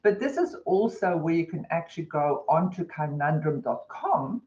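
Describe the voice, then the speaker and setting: A woman's voice: sits low, big pitch swings, moderate pace, mellow. A woman with a New Zealand accent presents a teaching webinar in a chatty, conversational way, with many fillers. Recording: dull lo-fi webinar audio.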